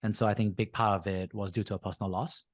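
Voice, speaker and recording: In a casual interview, a Singapore-born venture capitalist in his thirties talks fast in a fairly low voice with fairly even intonation. He tells his story easily, peppering it with "uh" and "you know," and the recording has no room sound.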